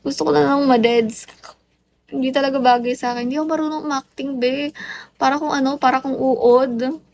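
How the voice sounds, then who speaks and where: A woman's voice: high-pitched, fairly even intonation, a little fast, a little mellow, muffled recording. A young Filipino woman with a Filipino accent, livestreaming from home on her phone and greeting viewers one by one in a playful, teasing way. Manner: switches between Tagalog and English, playful and teasing. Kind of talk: casual live stream chat greeting viewers.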